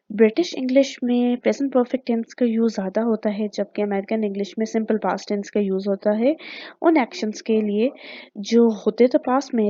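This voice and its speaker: A young adult woman teaching a language lesson, with careful, deliberate enunciation of her example words. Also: a little high, warm tone. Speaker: English teacher. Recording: dull lo-fi recording.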